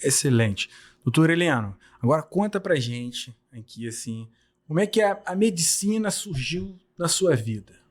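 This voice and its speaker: A man's voice: fairly high pitch, animated, normal speed. A man hosting a podcast, greeting his guest courteously and asking questions. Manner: welcoming, courteous interviewer. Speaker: podcast host. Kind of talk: podcast interview.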